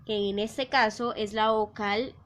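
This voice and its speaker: A woman's voice: medium pitch, steady tone, a little slow, slight background noise. A young woman teaching an online language class, explaining rules patiently and checking in with her students. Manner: patient, repeats key points and checks in with "¿listo?".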